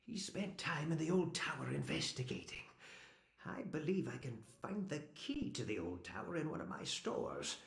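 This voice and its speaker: An actor playing a very old, weary monk in a video game, secretive and urgent, with an aged voice. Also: male voice, on the high side, huge pitch swings, normal speed, exaggerated voice. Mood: grave warning. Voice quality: aged, creaky. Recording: roomy, echoing game dialogue.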